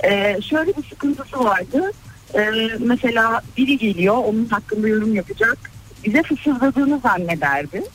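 A woman's voice: on the high side, lively intonation, normal speed, slightly rough, poor audio. A woman calling in to a radio show, telling a family story hesitantly with many fillers. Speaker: radio caller. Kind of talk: casual phone-in chat.

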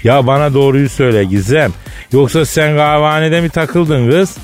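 A man's voice: fairly high pitch, normal speed, faint music behind. A man hosting a radio show with casual, slangy, mock-indignant comedic banter.

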